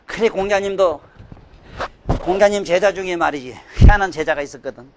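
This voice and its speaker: An older man giving a sermon, scolding and emphatic, swinging from loud outbursts to low mutters. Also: a little fast, noisy background. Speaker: Buddhist dharma teacher.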